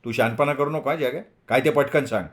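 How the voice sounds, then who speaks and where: A man's voice: medium pitch, fast talker, close to an everyday voice. A man reading a novel aloud, voicing an impatient, teasing young male student close to his own voice.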